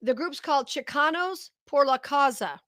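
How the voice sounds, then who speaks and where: A woman's voice: sits high, animated, normal speed, fairly bright tone, no room sound, studio quality. Indignant woman host ranting live. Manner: indignant, sarcastic, talks straight to viewers. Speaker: political commentary host. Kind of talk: live political commentary rant.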